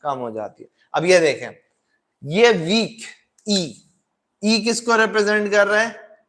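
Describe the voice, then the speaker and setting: A man's voice: sits high, slow pace, a bit bright. A man teaching economics to a class, asking repeated questions and mixing in English. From Pakistan. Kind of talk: classroom lecture.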